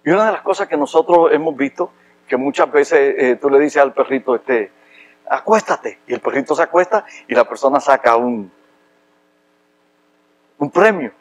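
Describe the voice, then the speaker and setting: A man from Rico, preaching a sermon with impassioned, emphatic delivery that rises to loud preaching. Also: medium pitch, normal speed, a little hiss or hum, poor audio. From Puerto Rico. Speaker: pastor.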